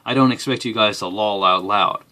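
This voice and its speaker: A young man talking casually to the camera as an applicant, with a dry, deadpan delivery. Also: on the low side, moderate pace. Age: young adult.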